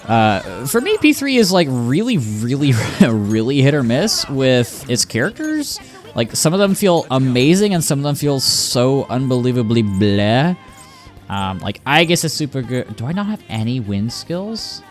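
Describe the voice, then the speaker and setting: A man giving casual, rambling commentary while playing a video game, reacting out loud and laughing often. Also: mid-range voice, big pitch swings, unhurried, faint music behind.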